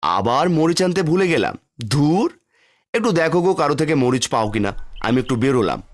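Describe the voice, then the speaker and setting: A man's voice: on the high side, sing-song, a little fast, a little hiss or hum. A man voicing a forgetful, good-natured village father in a cartoon. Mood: sheepish.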